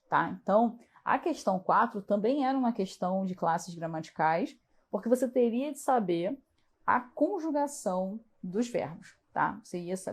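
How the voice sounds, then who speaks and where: A woman teaching Portuguese grammar during a live exam review. She talks in a mid-pitched voice and explains each answer patiently, step by step. She often pauses to check that her students are following. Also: darkish tone, husky.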